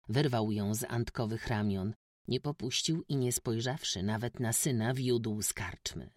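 A man reading a classic novel aloud as an audiobook narrator, in a steady, measured storytelling manner. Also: fairly low pitch, no room sound, clean studio sound.

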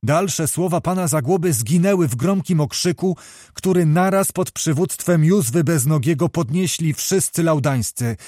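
Male audiobook narrator, slightly high voice, measured delivery, dry booth sound. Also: no room sound. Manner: steady, measured storytelling. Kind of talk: scripted narration of a classic novel.

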